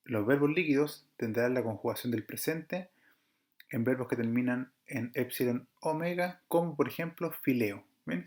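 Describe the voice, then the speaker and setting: A man's voice: mid-range voice, darkish tone. A man teaching an online class over slides, explaining patiently, checking in with his students and correcting himself as he goes. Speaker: Greek teacher.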